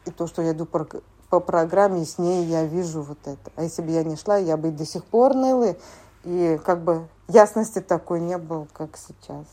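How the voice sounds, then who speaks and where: Woman, 40s, group member sharing; mellow, dark tone, halting delivery. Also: lowish voice. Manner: halting, plain speech with many filler words. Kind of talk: sharing at a recovery group meeting.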